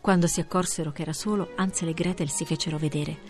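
A woman reading a fairy tale aloud in a measured storytelling manner, slowing down for effect. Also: fairly low pitch, steady tone, faint music behind. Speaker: storybook reader. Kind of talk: scripted fairy-tale narration.

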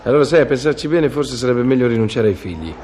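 A man's voice: mid-range voice, lively intonation, fast, darkish tone, a little hiss or hum. A man hosting a conversational comedy interview as the straight man.

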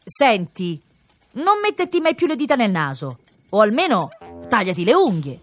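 A woman's voice: fairly high pitch, sing-song, normal speed, faint music behind, pitched above the performer's own voice. A woman voicing a haughty talking nose in a fairy tale, scolding with disgust. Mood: scornful. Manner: scornful, lecturing.

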